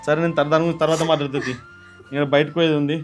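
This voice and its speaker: A worried young husband, played by a man with a Telangana accent, coaxing in an urgent way. He talks very fast in a fairly high voice. Faint music plays behind. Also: level tone, close to an everyday voice. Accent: Telangana Telugu. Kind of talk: village short film acting.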